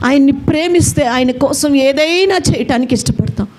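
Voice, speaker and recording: Impassioned woman preacher, high voice. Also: normal speed, darkish tone. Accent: Telugu. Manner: impassioned, repeats words, speaks straight to listeners. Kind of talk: sermon. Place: prayer hall.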